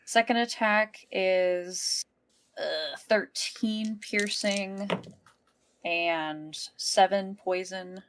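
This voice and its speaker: A woman's voice: mid-range voice, very slow. A woman playing a tabletop game, chatting casually as she calls out her moves.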